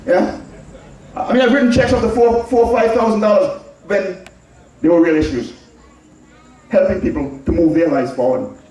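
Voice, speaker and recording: A middle-aged man with an Anguillian accent speaks in a high voice with a darkish tone, at normal speed and with frequent pauses. His emphatic public address includes personal reminiscence and deliberate repetition of key phrases. The audio is very echoey, and he is distant from the mic.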